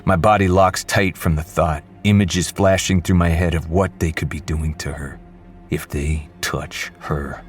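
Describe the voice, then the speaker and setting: A man narrating a first-person audiobook with low, restrained menace. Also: fairly even intonation, measured pace, breathy edge, faint music behind.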